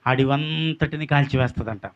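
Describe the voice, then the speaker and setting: A man's voice: medium pitch, moderate pace, dull audio, a little hiss or hum. A male pastor preaching a sermon, prompting the congregation to answer back.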